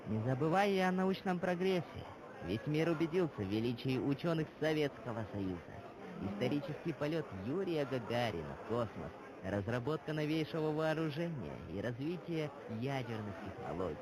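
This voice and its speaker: A man's voice: mid-range voice, big pitch swings, moderate pace, close to an everyday voice, low-quality recording. A man acting a hearty patriotic comrade and admirer of Soviet glory, speaking emphatically in scripted dramatic dialogue. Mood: admiring, proud. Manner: emphatic, theatrical. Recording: crowd chatter behind the voice.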